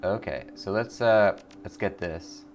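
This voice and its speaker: Hosting a casual video game playthrough, a gaming show host comments in an informal, enthusiastic way, speaking a little slowly in a low voice. Faint music plays in the background.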